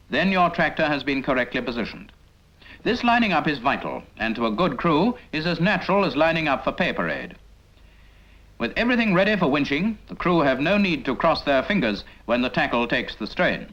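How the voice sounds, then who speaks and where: Brisk and fairly bright, the British male narrator has a fairly high pitch with big swings. He instructs the trainee directly in a scripted 1950s military training film, teaching didactically through rhetorical questions. The audio is a dull 1950s film soundtrack.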